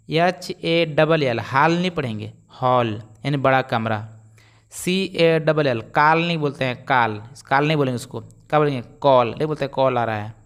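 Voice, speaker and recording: Guy teaching phonics, smooth clear voice, keeps asking then answering himself. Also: on the high side, fairly bright tone. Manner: explains step by step, asks and answers his own questions. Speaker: English teacher. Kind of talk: spoken phonics lesson.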